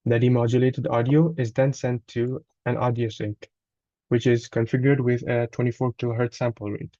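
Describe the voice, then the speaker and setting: This man reads technical narration from a script as though presenting a student report, his soft, mellow mid-range voice delivered flatly. Small stumbles and corrections make it a bit halting. The audio is very dry and somewhat dull.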